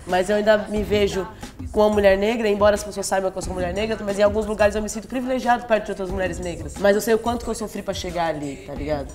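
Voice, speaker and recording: Fast-talking emphatic young woman. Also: mid-range voice, darkish tone. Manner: emphatic, chimes in often. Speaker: rapper in a panel discussion. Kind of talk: casual round-table discussion.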